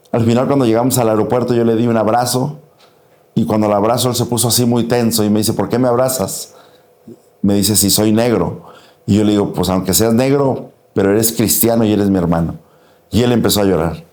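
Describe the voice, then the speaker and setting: A man's voice: mid-range voice, dark tone, roomy sound. A middle-aged Mexican man with a Mexican Spanish accent, giving an earnest personal faith testimony and acting out the dialogue as he tells it.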